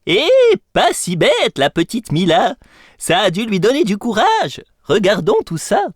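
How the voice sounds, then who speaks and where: Brag-happy animated kid. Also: female voice, mid-range voice, unhurried, husky, no echo, studio quality, full character voice. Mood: playful. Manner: boastful, playful. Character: boastful cartoon kid character.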